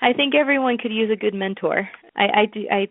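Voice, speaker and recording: A woman's voice: fairly high pitch, fairly quick, no room sound. A woman guest in an interview, telling stories in a chatty way with many fillers and restarts. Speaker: interview guest, music promoter. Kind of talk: casual interview talk. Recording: tinny phone line.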